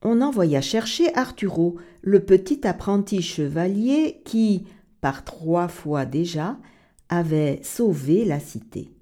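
Expressive woman reading a storybook. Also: lowish voice, slow. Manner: expressive, sing-song, dramatic.

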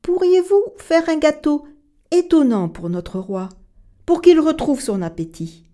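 A woman voicing a small, eager apprentice knight boy in a children's storybook reading, with a high, eager voice. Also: lively intonation, measured pace, mellow.

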